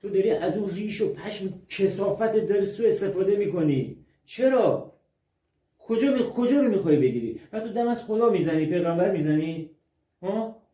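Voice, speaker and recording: Aggressive man, insulting, interrogating, high dark voice, echoey room, distant. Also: lively intonation. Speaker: accuser in a confrontation. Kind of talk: heated confrontation.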